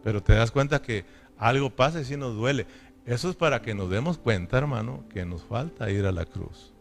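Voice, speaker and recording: A man's voice: medium pitch, expressive, moderate pace, vocal fry, faint music behind. A man preaching a sermon as pastor, emphatic and often asking his listeners for agreement. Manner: emphatic preaching with repeated call-and-response questions.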